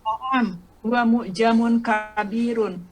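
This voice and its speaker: A woman student reading an Arabic dialogue aloud slowly and carefully. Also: fairly high pitch, fairly even intonation, rough recording. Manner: slow, careful reading with restarts.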